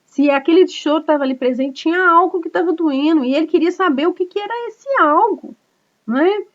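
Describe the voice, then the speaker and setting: A woman pastor preaches to a small online group in an earnest, chatty way, checking in with listeners as she goes. Her voice sits high. The sound is dull and lo-fi, like a home video call. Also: fairly quick. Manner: earnest, conversational preaching with frequent tag questions. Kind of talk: online cell group sermon.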